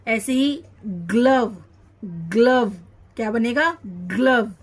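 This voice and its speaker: A woman teaching a children's phonics lesson, sounding out each syllable slowly and repeating every word. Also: on the high side, expressive.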